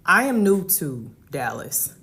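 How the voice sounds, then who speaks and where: A woman's voice: on the low side, very animated, takes it slowly, sharp tone. An American woman telling a casual social media storytime in an explanatory, matter-of-fact way. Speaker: salon client.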